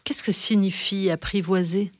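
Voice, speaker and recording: A woman's voice: mid-range voice, fairly even intonation, moderate pace, no echo, close to an everyday voice. A woman voicing an earnest, curious young boy prince, reading aloud in two voices. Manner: polite, wondering, questioning.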